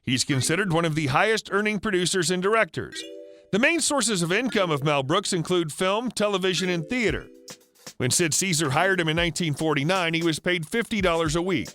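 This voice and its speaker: Bright, high-voiced male narrator. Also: animated, brisk, soft background music. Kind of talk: scripted biographical narration.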